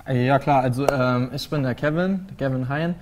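An eighteen-year-old drummer chats casually in a studio interview, with plenty of fillers. His voice sits at an ordinary middle pitch. The setting is a small TV studio. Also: moderate pace. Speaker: band drummer.

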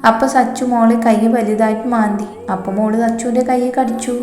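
A mischievous four-year-old girl tattles with eager, breathless excitement, her voice lifted high and a little louder, as a woman puts her on. The storybook reading sits in a reverberant, roomy space with faint music under it. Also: brisk, lightly acted. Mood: tattling.

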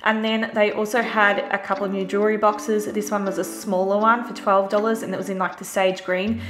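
A woman talking casually through a shopping voice-over, relaxed and chatty with lots of fillers. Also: medium pitch, brisk. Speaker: vlogger. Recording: roomy voice-over with faint music.

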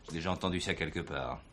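An actor playing a firm, matter-of-fact police commissioner in 1970s TV drama style. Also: male voice, sits low, fairly quick, fairly bright tone. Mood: stern. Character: stern police commissioner, middle-aged, unflappable.

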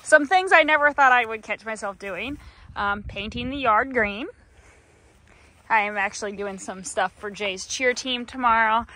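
A woman in her thirties, a farmer, vlogs casually into a phone held at arm's length outdoors on her farm, beside fields and a cattle barn. Her voice is fairly high and sharp, at a moderate pace. She chats to the camera in a rambling, down-to-earth way and sounds sore and tired.

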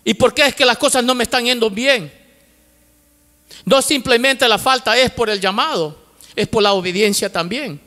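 Preaching fervently from a large, lit church stage, a middle-aged male pastor speaks into a handheld microphone in a very high-pitched, sharp-toned voice at normal speed. This native English speaker repeats phrases for emphasis and mixes in English words, his sermon carrying long hall reverb from the auditorium.

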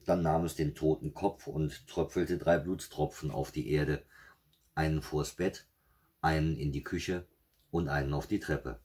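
A man with a husky voice reading a fairy tale aloud in a steady, measured way. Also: very deep voice. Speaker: storyteller.

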